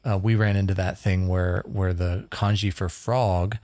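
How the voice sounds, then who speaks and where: A man's voice: low-pitched, steady tone, unhurried, a little mellow, no room sound. A man from Northern California co-hosting a podcast, talking in casual chat with blunt, emphatic bursts and the odd swear. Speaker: podcast co-host.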